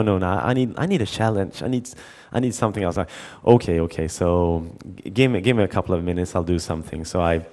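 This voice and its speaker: Low-voiced halting conference speaker, a man. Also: darkish tone. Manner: halting, repeats words, acts out dialogue. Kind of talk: conference talk with anecdote.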